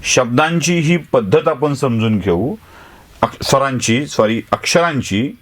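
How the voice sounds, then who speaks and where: A journalism teacher gives a classroom lecture, spelling out letters one at a time and repeatedly throwing rhetorical questions at his students. His medium-pitched voice has lively intonation and runs a little slow.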